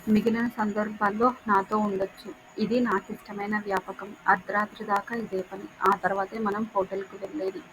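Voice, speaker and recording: A woman voicing a calm, kind young woman. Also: mid-range voice, normal speed, background noise, close to an everyday voice. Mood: patient.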